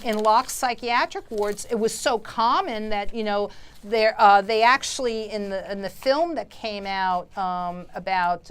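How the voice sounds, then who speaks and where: A woman's voice: on the high side, clear, resonant tone. A woman hosting a call-in talk show, speaking emphatically and insistently and repeating her points.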